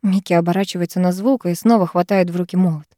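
A woman's voice: lowish voice, steady tone, fast talker, mellow, no room sound, clean studio sound. A woman narrating first-person fiction as an audiobook, dramatic and emotive.

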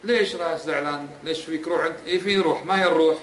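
Speaking rapid-fire in a fairly bright, higher-pitched voice, this Islamic scholar delivers an emphatic religious lecture, circling back to key points and challenging the audience with rhetorical questions. The hall echoes with faint ambience, and slight background noise is present.

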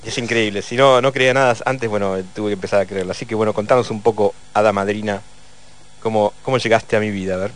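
A man with an Argentine accent hosting a casual radio chat, reading listener messages in a relaxed way with small laughs. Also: on the low side, quick pace. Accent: Argentine Spanish. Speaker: radio host.

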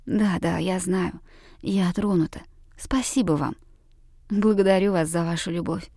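A woman voicing a gentle, tearful young governess who speaks softly and tenderly in an audiobook. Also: lowish voice, unhurried, no room sound, clean studio sound. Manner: soft, tender, quietly sad. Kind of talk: audiobook character reading.

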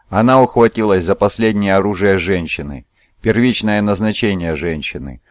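A man narrating an adventure novel as an audiobook, telling it in a steady, measured way. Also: on the low side, no room sound, studio quality.

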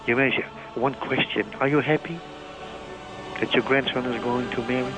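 A man's voice: mid-range voice, steady tone, moderate pace, over music, natural voice, rough recording. A man playing a starstruck, chatty male reporter who rambles on in a comic fake live report. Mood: gushing. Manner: chatty, rambling, self-congratulatory. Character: bumbling, starstruck male reporter at a royal wedding.

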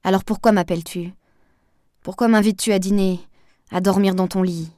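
A woman's voice: medium pitch, fairly even intonation, moderate pace, warm tone, dry recording, clean studio sound, close to an everyday voice. A woman reading a jealous young woman, pleading. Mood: reproachful. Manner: pleading, intense, reproachful.

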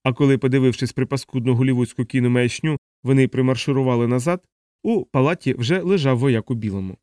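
A male narrator with a dark, mellow voice reads a novel aloud at a steady, even pace. The recording is dry and close, with no room sound around him. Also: mid-range voice, fast talker, clear, resonant tone, dry recording. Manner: steady, even literary reading. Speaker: audiobook narrator. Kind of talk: scripted audiobook narration.

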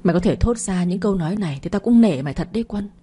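A woman's voice: medium pitch, lively intonation, rapid-fire, warm tone, slightly rough. A woman voicing an angry older village mother who scolds her son harshly in an audio story. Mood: furious.

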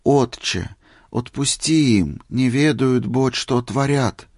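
A man reading aloud, voicing a meek, gentle wandering holy fool in a plain, humble way. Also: mid-range voice, slow, breathy edge, no room sound, studio quality, voice pushed up. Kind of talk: story reading.

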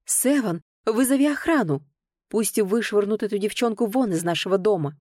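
A woman voicing an indignant, haughty noblewoman in an audiobook, loud and commanding. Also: medium pitch, lively intonation, moderate pace, no room sound, clean studio sound, lightly acted. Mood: outraged. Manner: outraged, commanding.

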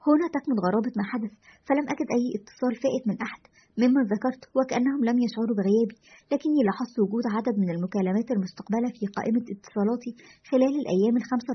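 A woman's voice: a little high, slightly rough. A woman reading as an uneasy man caller. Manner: confessional, uneasy retelling. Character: anxious man caller, shaken by strange events. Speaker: radio show caller. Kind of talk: storytelling narration. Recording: lo-fi dull audio.

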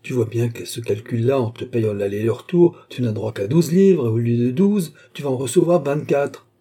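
A curt, commanding young officer from an old novel, as a male narrator plays him. The voice is raised and firm, with a very dark, husky grain. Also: medium pitch, normal speed, natural voice.

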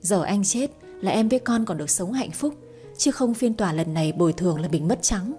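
A woman's voice: medium pitch, expressive, brisk, mellow, faint music behind, close to an everyday voice. A woman voicing a tearful middle-aged man in debt in a read-aloud story.

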